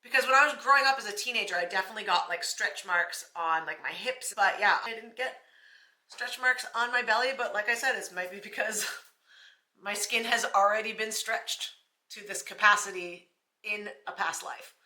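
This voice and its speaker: A woman's voice: medium pitch, normal speed, bright, forceful tone, roomy sound. A young pregnant woman from Canada, chatting casually to camera with a self-deprecating, laughing manner. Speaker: vlogger.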